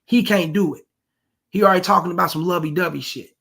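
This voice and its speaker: A man's voice: high-pitched, fast talker, creaky, fairly bright tone, husky. A man giving blunt, profane dating advice to the fellas while reacting to a street clip. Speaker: reaction commentator. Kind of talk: reaction commentary.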